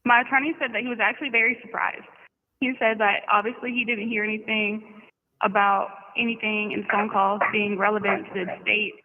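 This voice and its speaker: A woman from Georgia talking calmly over a prison phone line, rambling with fillers. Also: mid-range voice, fairly quick. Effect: heard over a prison phone line. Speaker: inmate on trial. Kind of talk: casual phone chat. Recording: tinny prison phone line with faint hiss.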